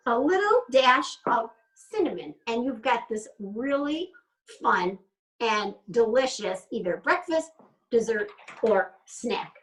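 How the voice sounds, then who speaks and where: Cooking-class host, woman, chatty and explanatory, higher voice, mic at a distance. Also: very animated, slow pace, fairly bright tone. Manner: chatty, explains as she goes. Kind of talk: casual cooking demonstration.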